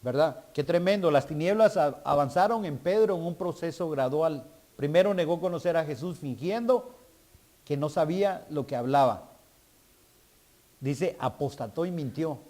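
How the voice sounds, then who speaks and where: A man's voice: on the high side, normal speed, mellow. A male guest preacher delivering a sermon, calling for responses from the congregation and building to emphatic preaching.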